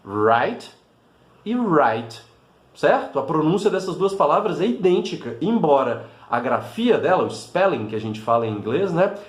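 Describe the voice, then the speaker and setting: This man's fairly high, lively voice moves at normal speed with hardly any pauses, in a reverberant space. A Brazilian language teacher speaking with a Brazilian Portuguese accent, he explains patiently to the camera, full of fillers and check-ins such as "né?".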